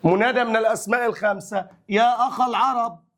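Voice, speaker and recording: A young man with an Egyptian accent and a fairly high voice teaches a grammar lesson. He stretches out each example phrase slowly, then moves quickly through the explanation in an easy colloquial way. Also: a bit bright.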